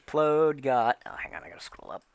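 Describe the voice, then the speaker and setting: A man's voice: medium pitch, big pitch swings, fairly quick, gravelly, no echo, highs cut off. A man chatting casually as a player in a tabletop game.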